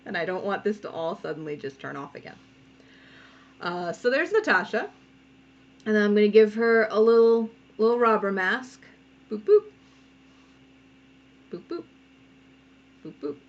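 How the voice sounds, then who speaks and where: A woman's voice: medium pitch, lively intonation, normal speed, pauses often, lo-fi sound. A woman cartoonist giving a casual drawing tutorial from home, chatty and giggly, often breaking off to scold her cats. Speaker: cartoonist teaching a draw-along.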